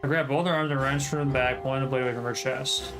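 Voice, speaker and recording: A man streaming a video game, reading the story aloud with dramatic flair and offering asides. His voice sits at a middle pitch. Game music plays clearly behind him. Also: fairly even intonation, quick pace. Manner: dramatic, acts out lines. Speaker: let's play streamer. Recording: voice over loud game music.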